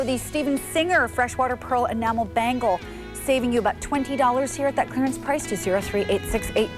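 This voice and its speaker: Chatty woman selling on TV. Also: a little high. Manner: chatty, enthusiastic, digressive. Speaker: shopping channel host. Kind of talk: live TV sales pitch.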